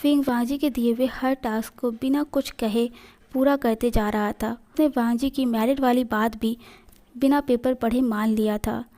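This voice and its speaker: A woman reading fan fiction aloud as a storyteller in a steady voice. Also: a little high, moderate pace.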